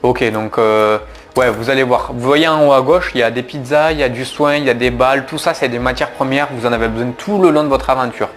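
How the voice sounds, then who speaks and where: A man's voice: mid-range voice, fairly quick, soft background music. A man casually commenting on his gameplay for viewers, talking to them directly, with frequent fillers and restarts. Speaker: gaming YouTuber. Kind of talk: casual let's-play commentary.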